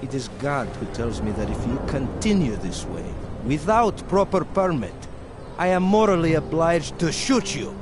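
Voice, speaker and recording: Against clear street and vehicle noise, a man plays a smug, corrupt video game policeman. His deadpan threats and officious patter move through a lively range of pitch. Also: moderate pace, lightly acted. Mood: deadpan menace. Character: corrupt, menacing male checkpoint policeman, smugly officious. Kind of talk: video game character dialogue. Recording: noisy outdoor urban street with vehicles.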